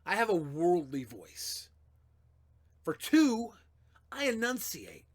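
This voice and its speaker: A young man on a casual livestream replies to chat slowly in a high voice whose pitch swoops wildly. He swears loosely, slipping from mumbling into loud outbursts and back.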